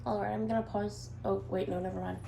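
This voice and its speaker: A woman with a head cold comments on a let's-play session, her voice nasal, medium-pitched, and edged with vocal fry. She talks fast yet sounds relaxed and hesitant, with lots of ums. The room is echoey, with faint ambience and a noisy background.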